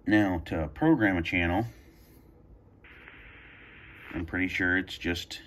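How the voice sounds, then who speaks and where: A man in a carpeted home room walks through a radio scanner demo, talking slowly in a low, fairly bright voice. It's an off-the-cuff tutorial: he presses buttons while hesitantly thinking out loud, against slight background noise.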